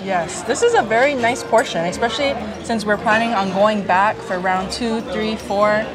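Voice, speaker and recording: A woman's voice: mid-range voice, normal speed. A young woman, a food vlogger co-host, chatting eagerly about the food she tastes in a restaurant. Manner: chatty, enthusiastic tasting remarks. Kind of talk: casual food review chat. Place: restaurant dining room by the beach. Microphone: lapel mic. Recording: loud music and crowd behind.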